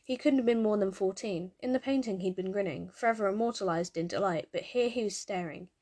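A woman reading a story aloud with measured, expressive delivery. Her voice sits at an ordinary middle pitch for a woman. She carries the narration steadily from line to line. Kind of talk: fan fiction reading.

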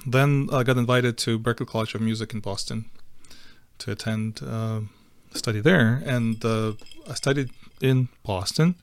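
A middle-aged Ukrainian man with a mid-range voice is a guest in a casual interview, telling his story. He speaks haltingly, with plenty of fillers and restarts.

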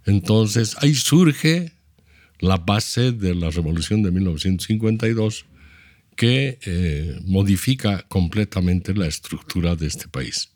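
A very low-pitched man in his seventies speaks with a Bolivian Spanish accent. He explains things at length in a measured, lecturing manner. The recording is close and dry. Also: a little mellow, dry recording. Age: 70s. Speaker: interview guest, architect. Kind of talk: reflective storytelling.

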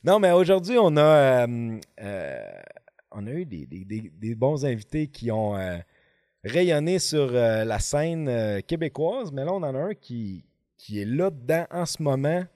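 Rambling podcast host. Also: male voice, mid-range voice, big pitch swings, measured pace, darkish tone, no room sound, studio quality. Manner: rambling, hesitant, many fillers and restarts, playful. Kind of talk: casual chat. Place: podcast studio in an office.

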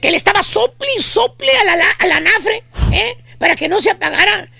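A man with a Mexican Spanish accent, hosting a radio comedy show and telling a comic story in an exaggerated, squeaky way. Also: expressive, fairly quick, creaky, pushed and bright, soft background music. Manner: squeaky, exaggerated storytelling with calls to his "brothers".

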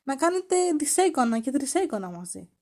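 A woman's voice: high voice, big pitch swings, darkish tone. A woman hosting a podcast, talking casually and teasingly as she acts out quoted lines. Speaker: podcast host.

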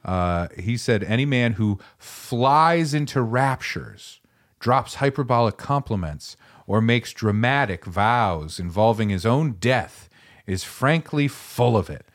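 A man's voice: medium pitch, lively intonation, slow. A man co-hosting a comedy podcast, reading old dating advice aloud and joking about it. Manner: reads old quotes aloud, jokey, laughs often. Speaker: podcast co-host. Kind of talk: casual comedic chat.

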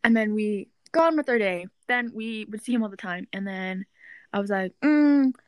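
A woman's voice: medium pitch, moderate pace, clean tone, no echo. A teenage girl in casual chat, giggly and playful, telling a school story. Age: teens. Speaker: friend.

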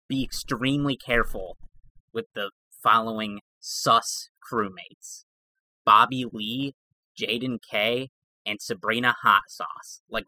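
Dude doing a sci fi mission control guy briefing crew, super bright punchy voice, deadpan official, dry no room sound. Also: fairly low pitch, no room sound, exaggerated voice, poor audio. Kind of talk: scripted comic announcement.

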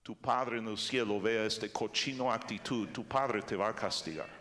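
An older man preaching a sermon as pastor, animated and joking with the congregation. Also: fairly low pitch, normal speed, in a large hall.

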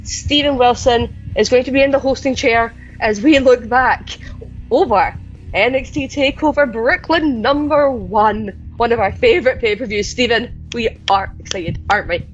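Soft background music plays as a Scottish woman, with an Edinburgh-Glasgow mixed accent, hosts a chatty podcast. Her slightly high voice comes at normal speed through a muffled recording.

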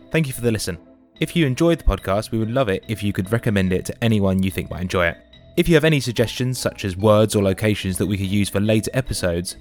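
A man hosting a podcast, reading a friendly scripted sign-off. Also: fairly low pitch. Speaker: podcast host. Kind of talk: scripted outro.

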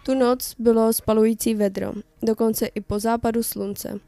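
A woman reading a translated first-person internet horror story aloud, in a steady, even storytelling manner. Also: on the high side, no room sound. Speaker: reader of horror stories.

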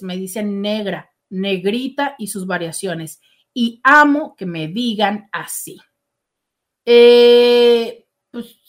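A middle-aged woman hosting a casual show and chatting animatedly as she reads listener messages. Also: a little high. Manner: chatty, warm, animated with exclamations. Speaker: radio host reading listener messages. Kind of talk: casual call-in show chat.

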